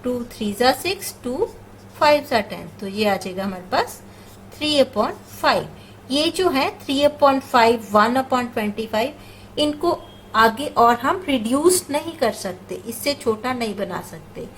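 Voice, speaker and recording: Woman, math teacher, high voice, patient step-by-step tone, faint background noise. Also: animated, slow pace, a bit bright, low-quality recording. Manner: patient, asks questions and answers them herself. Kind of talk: step-by-step classroom explanation.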